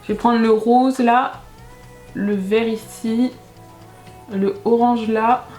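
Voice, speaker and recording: A woman's voice: a little high, steady tone, slow pace, mellow, echoey room, soft background music. A young woman vlogger chatting casually through a makeup unboxing, often restarting and correcting herself mid-sentence. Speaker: beauty vlogger.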